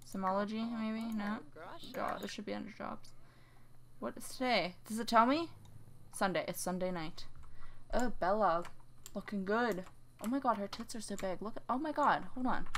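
A woman's voice: mid-range voice, a little hiss or hum. A young woman giving casual let's play commentary, chatty and teasing, laughing often. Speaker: gamer.

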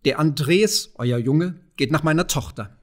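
A man's voice: on the high side, measured pace, close to an everyday voice. A man voicing a fat, proud, wealthy old farmer who talks in a blustering, mocking way.

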